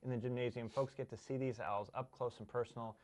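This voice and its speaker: A man speaking as a guest, promoting a local event conversationally with a halting delivery. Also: medium pitch, steady tone, darkish tone. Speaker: guest from a local conservation group.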